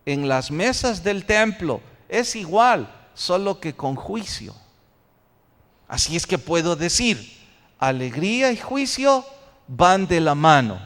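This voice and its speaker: A man's voice: sits high, a bit bright. A man preaching a sermon as pastor, posing rhetorical questions to his congregation. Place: church sanctuary. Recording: long church reverb.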